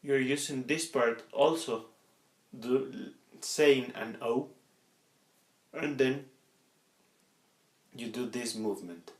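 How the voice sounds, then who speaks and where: A man giving an instructional demonstration, explaining step by step in a halting way with repeated words. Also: medium pitch, slight background noise. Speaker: instructor demonstrating body percussion sounds. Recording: echoey room.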